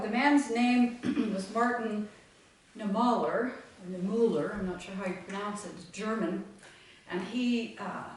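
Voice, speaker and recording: A woman with a mid-range voice runs a full moon meditation session in a meeting room with an audience present, musing reflectively and drifting along with many fillers. The room echoes, she's far from the mic, and slight background noise can be heard.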